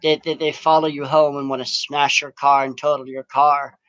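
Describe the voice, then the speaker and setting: A man's voice: on the high side, level tone, moderate pace, a bit bright, clear, resonant tone, no room sound, muffled recording. A man recorded outdoors in strong wind, giving a rambling, profane vlog monologue. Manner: profane, ranting.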